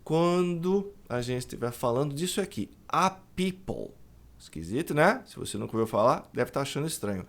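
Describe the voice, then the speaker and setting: Lively Brazilian English teacher. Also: male voice, on the high side. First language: Brazilian Portuguese. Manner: explains patiently, checks in with "tá?" and "né?"; models English words slowly, repeating them. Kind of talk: online English pronunciation lesson.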